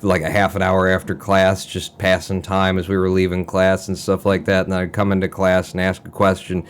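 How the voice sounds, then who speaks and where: A young man co-hosting a casual podcast chat, telling animated stories, laughing often and slipping into mimicked voices. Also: low voice, a little fast, slight background noise. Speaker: podcast co-host.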